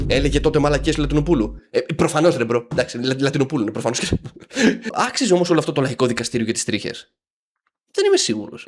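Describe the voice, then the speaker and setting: A man giving a sarcastic, slang-filled commentary monologue as a YouTube host, dropping English words and swearing. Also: fairly high pitch.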